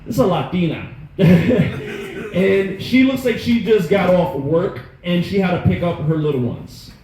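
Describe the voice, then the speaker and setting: A man in his thirties doing stand-up, telling stories in an animated, profane, self-mocking way. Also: high-pitched, a little slow, a crowd in the background. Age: 30s. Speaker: stand-up comedian. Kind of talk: stand-up storytelling. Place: comedy club stage. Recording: echoey room, faint noise.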